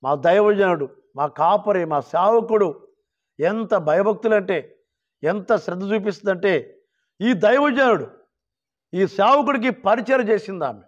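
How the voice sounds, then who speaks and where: A male pastor preaching a sermon, reading scripture slowly and calling on the church to shout hallelujah. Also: sits high, muffled recording. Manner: calls for loud hallelujahs, rising to shouts; drawn-out quoting of scripture verses.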